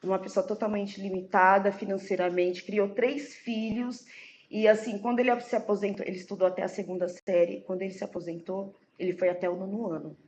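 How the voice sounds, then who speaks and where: A woman's voice: medium pitch, steady tone, brisk, a little mellow, slight background noise. A woman in an interview, talking earnestly and emphatically about faith and her dreams. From Brazil. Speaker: podcast guest. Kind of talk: casual interview chat.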